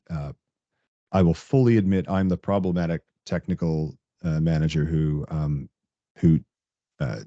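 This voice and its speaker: A man as a guest on a podcast, chatting casually and telling animated stories, laughing often. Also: sits low, dry recording, highs cut off. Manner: animated storyteller, laughs often, acts out coworkers' lines. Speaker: podcast guest, tech director. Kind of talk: casual interview chat.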